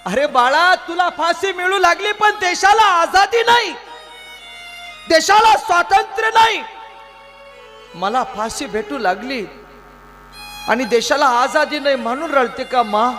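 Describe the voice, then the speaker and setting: A man voicing a young condemned male revolutionary who asks slow, high, drawn-out questions, sometimes shouted, over instrumental accompaniment. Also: faint music behind, heavily acted. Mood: questioning.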